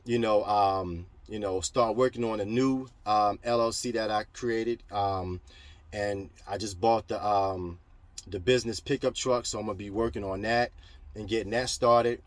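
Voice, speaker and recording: A man's voice: lowish voice, fairly even intonation, moderate pace, dry recording. Middle aged american guy vlogging in his truck, rambly casual talk, plain spoken, really dry audio. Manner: rambling, plain-spoken, frequent 'you know' and repeated phrases. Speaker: vlogger and trucking business owner. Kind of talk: casual vlog talk, advice to viewers. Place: in a parked truck cab.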